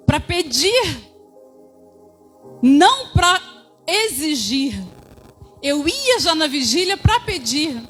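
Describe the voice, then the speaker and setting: A woman's voice: very high voice, a bit bright. A woman in her fifties giving a church testimony, telling her story and addressing the congregation as brothers.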